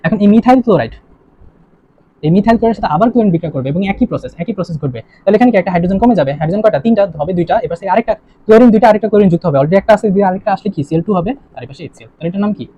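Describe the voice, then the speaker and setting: A man's voice: high voice, expressive, rapid-fire. A young man teaching a chemistry lesson, quizzing students and repeating his questions. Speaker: chemistry tutor. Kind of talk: online lesson. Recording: dull lo-fi recording with faint ambience.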